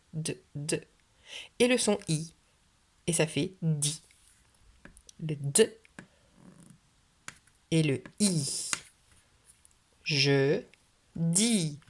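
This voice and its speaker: A woman teaches phonics to young children in a video lesson. She has a low, gravelly voice and talks slowly and patiently, breaking words into syllables. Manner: slow, patient, sounding out syllables. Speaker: kindergarten teacher. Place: French classroom or home, recorded for video.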